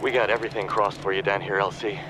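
A man's voice: fairly low pitch, level tone, fast talker, sharp tone, a little hiss or hum. An actor playing a male rescue crew member at base camp, giving plain, instructive directions heard over a marine radio. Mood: steady. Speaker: game character.

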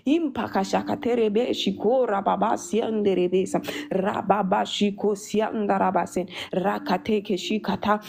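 A woman's voice: mid-range voice, fairly even intonation, moderate pace, vocal fry, a little mellow. A woman leading prayer on her own, chanting repetitive rhythmic syllables in tongues and reciting short scripture verses. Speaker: prayer leader.

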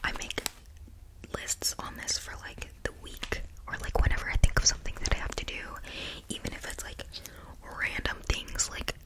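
A woman's voice: normal speed, rough recording. A young woman whispering breathily in a rambling ASMR style very close to a condenser mic, often repeating words. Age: young adult. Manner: repeats words in trailing strings. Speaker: ASMR video creator. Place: small bedroom indoors. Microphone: large desktop condenser mic, very close.

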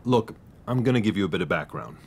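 A middle-aged husband in a radio drama, earnestly confiding his worry. His voice is low, with faint noise in the background. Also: lively intonation, fast. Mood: troubled, confiding.

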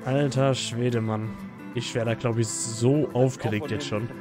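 A man's voice: mid-range voice, fairly even intonation, measured pace. A man in his thirties commenting casually on a video as a reaction host, slangy and offhand. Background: faint music from the watched show.

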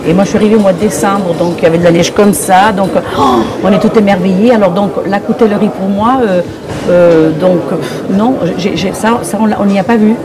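A woman's voice: mid-range voice, a little fast, very noisy. An older woman from Morocco, a guest on a fair stage, talking in a hesitant, repetitive way. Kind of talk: casual interview talk. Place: wooden hall at a public fair. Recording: crowd chatter in a hall.

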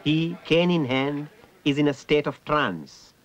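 A man narrating a ritual in a measured, descriptive way. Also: fairly high pitch.

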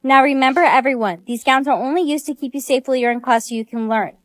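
A woman's voice: sits high, quick pace, dry recording, clean studio sound. A woman's synthetic text-to-speech voice speaking the parts in a storytime skit.

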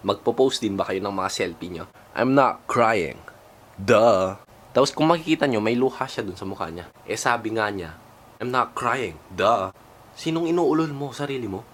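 A man's voice: medium pitch, slight background noise. Mocking man ranting in a vlog. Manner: mocking, exasperated, swears freely. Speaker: vlogger. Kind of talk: comic vlog rant.

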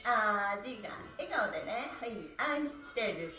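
This stretch instructor, a middle-aged woman, happily laughs while chanting counts during a live class on her home floor mat. Her mid-range voice is expressive, pushed, and bright, with a measured pace. Because a far camera records her in a small, echoey room, she sounds distant.

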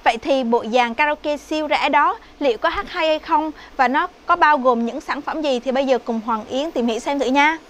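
A woman's voice: sits high, normal speed, few pauses, a bit bright, a little hiss or hum. A woman presenting a product review for a shop in a friendly, chatty sales manner. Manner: chatty, friendly sales talk with frequent "nè" and "nha".

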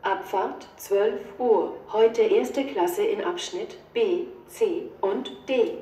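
A woman with a standard German accent reads scripted automated platform announcements in a measured, segmented, neutral delivery over a train station loudspeaker. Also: medium pitch. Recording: echoey station PA, clear background station noise.

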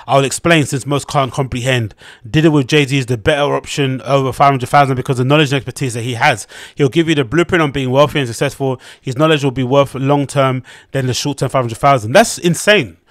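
A man's voice: mid-range voice, a bit bright, dry recording, studio quality. A young man with a London accent, hosting his podcast and giving blunt, rambling commentary on a news article, with lots of fillers and restarts. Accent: London English. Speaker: podcast host.

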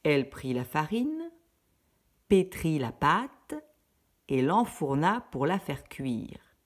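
Slow, animated woman telling a story. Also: low voice. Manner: slow, expressive, singsong delivery. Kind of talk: storybook reading for children.

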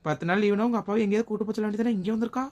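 A woman's voice: mid-range voice, steady tone, racing, a little mellow, lo-fi sound. A woman, playing a grumbling, sarcastic sister-in-law in a family comedy skit. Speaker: comedy sketch performer.

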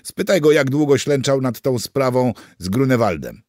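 An exasperated male militia officer protests in a raised, lively voice, as an audiobook reader puts him on. The recording is dry and close. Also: medium pitch, normal speed, no room sound, voice pushed up, lightly acted.

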